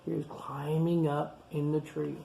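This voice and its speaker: His voice leans high, with a level tone and vocal fry, and there's noise in the background. He's a storytime host reading a picture book to children, breaking off to point out the pictures and describe them in simple, repetitive language.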